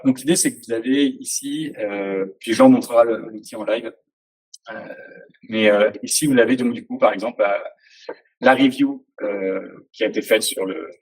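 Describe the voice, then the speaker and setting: A man's voice: lowish voice, creaky, breathy edge, low-quality recording. A man giving a casual technical presentation, hesitant, with many fillers and restarts. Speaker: presenter at a tech talk.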